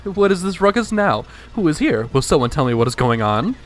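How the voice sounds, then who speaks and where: A man's voice: fairly high pitch, sing-song, fairly quick, faint music behind. A man voicing a vain, dramatic merchant adventurer in a video game, with a pompous, theatrical manner. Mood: indignant. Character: vain, boastful, dramatic merchant adventurer, panicking when scared.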